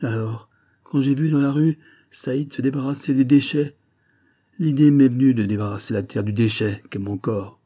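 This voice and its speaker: A man reading the part of a desperate, impoverished father who pleads and then questions his faith bitterly, in a mellow, husky voice. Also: medium pitch, normal speed, lightly acted. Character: despairing poor older father, bitter.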